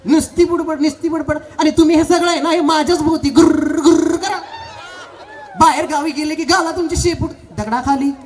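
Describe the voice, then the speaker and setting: A man's voice: extremely high pitch, fairly even intonation, fairly quick, recorded from a distance, a crowd in the background, noisy background. A man doing a sing-song teasing village wife. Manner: bickering, sing-song, listing things off. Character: chatty rural village wife, middle-aged, proud and teasing. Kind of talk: comic stage play.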